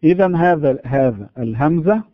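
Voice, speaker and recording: A man giving a tajweed lesson, explaining slowly and drawing out the example words. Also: on the high side, animated, dry recording, phone-quality sound. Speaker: Quran recitation teacher.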